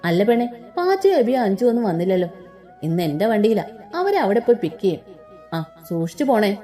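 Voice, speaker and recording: A woman voicing a sharp-tongued middle-aged mother who scolds with sarcasm. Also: medium pitch, very animated, a little fast, faint music behind, close to an everyday voice. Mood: caring.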